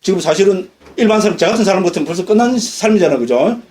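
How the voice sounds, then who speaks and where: A middle-aged man, a Buddhist monk, giving a lively dharma lecture and asking his listeners questions. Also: high-pitched, rapid-fire. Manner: lively, questions the audience often. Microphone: lecture recording.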